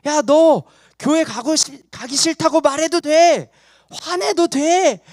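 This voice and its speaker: A man acting out sin as a coaxing tempter inside the heart, drawn-out and wheedling, in a children's sermon. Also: very high voice, darkish tone, no room sound, clean studio sound, pitched above the performer's own voice.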